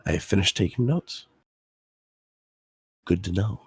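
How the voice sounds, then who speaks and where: A man talking casually as a player in a tabletop role-playing game, explaining things thoughtfully and haltingly. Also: low voice, husky, dry recording, studio quality.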